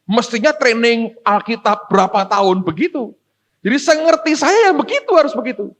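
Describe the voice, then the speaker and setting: A middle-aged pastor from Semarang, preaching a folksy, story-driven sermon that speaks straight to the congregation. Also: male voice, very high voice, normal speed, a little hiss or hum. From Semarang, Central Java. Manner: animated, folksy, addresses the congregation directly. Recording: dull lo-fi recording.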